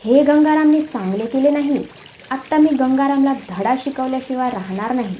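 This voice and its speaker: A woman's voice: high-pitched, moderate pace, mellow, a little hiss or hum, close to an everyday voice. A woman voicing a small, brave, cheeky male mouse in a storybook tale, teasing and mocking in a raised voice. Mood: vengeful.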